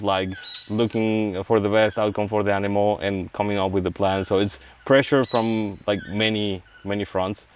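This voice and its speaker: Outdoors at a rainforest release site, a man from Mexico who works as a wildlife vet speaks in a low voice during a casual interview. His speech is halting, with many restarts and "like" fillers, while faint rain and forest noise sound in the background.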